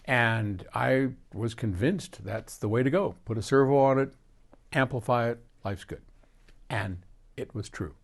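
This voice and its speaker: An older American man with a medium-pitched voice speaks a little slowly as he hosts a casual Q&A, answering audience questions. He rambles through explanations and anecdotes, digressing often and animatedly quoting conversations.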